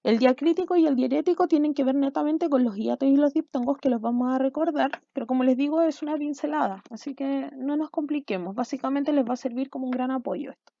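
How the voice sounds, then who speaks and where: A woman teacher talks through a recorded lesson, pausing often to check her students follow along. Her voice sits fairly high but has a mellow, warm tone. The recording is dry and slightly dull, lo-fi. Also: vocal fry, dry recording. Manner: explanatory, checks in with "¿ya?" and "¿cierto?". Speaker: school language teacher.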